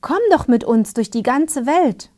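A bossy storybook soldier, whispered by a woman reading aloud. The lines come slow and hushed in a whispered role-play, pitched a little above the reader's own voice. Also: animated. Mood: curious. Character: gruff angry male soldier leading a band.

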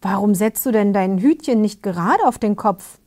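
A woman's voice: medium pitch, expressive, moderate pace, a little mellow, natural voice. A woman whispering the lines of a bossy male soldier in a fairy tale, in a whispered role-play. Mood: curious. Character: gruff angry male soldier leading a band.

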